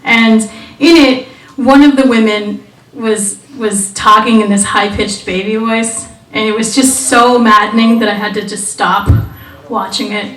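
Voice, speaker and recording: A young woman performing a stand-up set at a small club, with a slow deadpan delivery full of ums and little chuckles. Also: a little high. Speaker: stand-up comedian. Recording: roomy echo from a distance.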